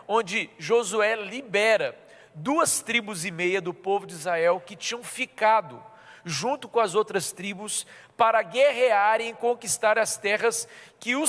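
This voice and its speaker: Through the reverberant acoustics of a church hall comes the fairly bright, high-pitched voice of a pastor with a Brazilian Portuguese accent from Minas Gerais. He delivers a sermon, recounting a personal story and acting out its people.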